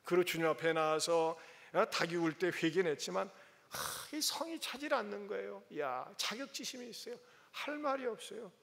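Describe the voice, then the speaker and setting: A male pastor preaching a sermon in a church, animated and acting out scenes as he talks. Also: sits high, moderate pace, creaky. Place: church sanctuary. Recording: church hall reverb.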